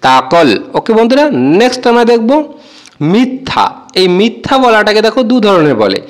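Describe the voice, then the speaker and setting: A high-voiced language teacher from Bengal gives a casual spoken lesson, calling his viewers friends and slowly repeating each word.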